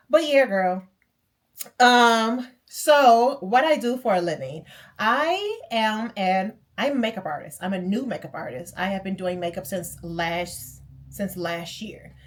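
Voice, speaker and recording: A woman in her late thirties from Michigan, chatting casually and upbeat to camera as a beauty vlogger who calls her viewers babes and girl. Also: mid-range voice. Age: 30s.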